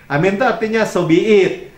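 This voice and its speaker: A man's voice: high voice, moderate pace, echoey room. A man preaching a sermon as pastor, conversational and chuckling, slipping English phrases into his talk. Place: church.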